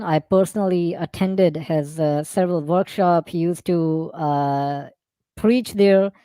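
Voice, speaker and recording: A man with an Indian accent speaking through a voice changer that disguises his voice, answering interview questions haltingly and rephrasing as he goes. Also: a little high, darkish tone, smooth, no room sound. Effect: voice changer disguising the real voice. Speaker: interview guest, former student of Islamic preaching.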